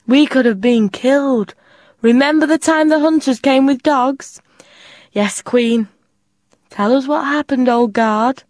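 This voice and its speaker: A stately mole rat queen, soft and silky but stern, as a woman reader puts her on. She speaks in measured, regal tones. Dry, close recording. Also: high-pitched, no room sound, voice pushed up.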